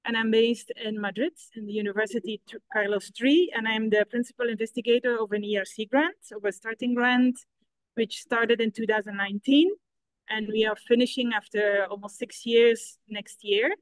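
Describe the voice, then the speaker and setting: A middle-aged woman from Belgium speaks over a video call, explaining her research project in a measured, explanatory way. Her voice sits a little high for a woman and sounds close and dry, with no room around it. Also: steady tone, dry recording, low-quality recording. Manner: measured, explanatory, some restarts.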